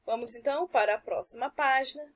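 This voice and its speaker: A woman teacher recording homework corrections for young pupils, stretching out each answer slowly and clearly. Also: fairly high pitch. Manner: slow, clear, drawn-out answers.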